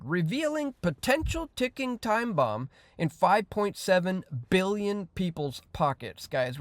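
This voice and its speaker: An independent host gives off-the-cuff news commentary, reading headlines in a halting yet emphatic way. His voice sits high, and the recording is dry.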